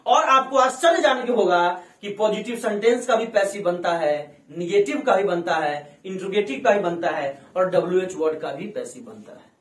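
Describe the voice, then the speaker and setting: A woman's voice: on the low side, animated, moderate pace, few pauses. A woman teaching a grammar lesson in a classroom, drilling the students with questions and call-and-response. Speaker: English teacher. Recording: echoey classroom from far off.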